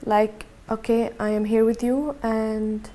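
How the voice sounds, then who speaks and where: A twenty-one-year-old woman from Syria with a Syrian accent, giving a halting personal testimony in an interview and often repeating her words. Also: on the high side, level tone, mellow.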